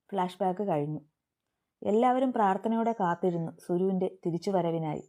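A woman with a Malayali accent narrating a family drama story, reading all parts in one steady voice. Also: fairly low pitch.

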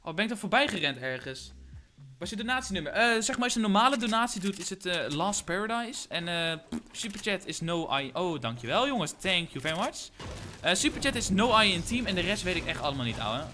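A young man, live-streaming a game, excitable and slangy, shouting when hyped. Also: high voice, brisk, slight background noise. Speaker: gaming streamer.

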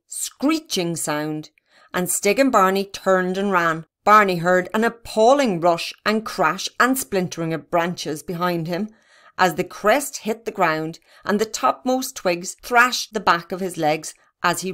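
A woman narrating a children's storybook in a steady, even reading. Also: lowish voice, slow pace. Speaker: reader.

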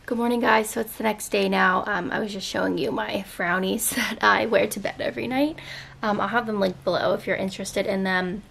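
A woman's voice: mid-range voice, fairly even intonation, a little fast, gravelly, fairly bright tone, husky. A young woman, a stay-at-home mom, chatting casually to camera at home in a bubbly way, with lots of fillers. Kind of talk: casual vlog chat to camera. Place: family home.

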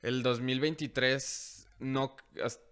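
A young man with a Mexican Spanish accent chats as a podcast guest, telling stories in a loose, slangy way. His voice is bright and forward, at a middle pitch for a man. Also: slow pace, clean tone. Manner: relaxed storytelling, slangy, laughs easily. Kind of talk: casual chat.

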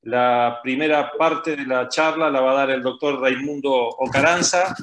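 A man's voice: medium pitch, a little slow, noisy background. A middle-aged man hosting a webinar, welcoming everyone formally. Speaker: host. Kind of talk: webinar opening. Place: home office, video call. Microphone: laptop webcam mic. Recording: echoey room.

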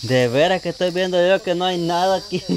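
A woman's voice: fairly low pitch, a little fast. A woman with a Guatemalan Spanish accent chatting and joking while fishing at a rural pond. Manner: joking, laughs often. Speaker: family member fishing. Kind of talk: casual outdoor chat. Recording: outdoor noise, insects and crickets.

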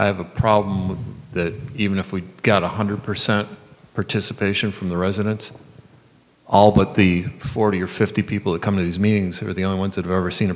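A man, a board member, asking questions in a public meeting with halting restarts. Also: deep voice. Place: large meeting room. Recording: long reverb, faint ambient noise.

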